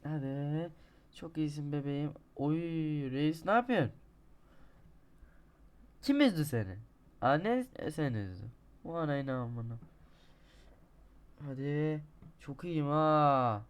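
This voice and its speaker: A young man commenting on his own gameplay, talking to himself, boasting and cursing, with sudden shouting outbursts. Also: fairly high pitch, lively intonation, slow, pauses often, clear, resonant tone. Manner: swearing, shouting outbursts at the game; self-talk, boastful then exasperated. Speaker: gaming streamer. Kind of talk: let's-play commentary.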